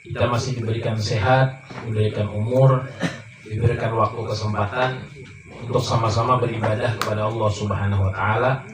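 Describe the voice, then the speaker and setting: A man preaching a sermon, telling a story that often climbs high and emphatic. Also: steady tone, a little fast. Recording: echoey room, mic far off, faint noise.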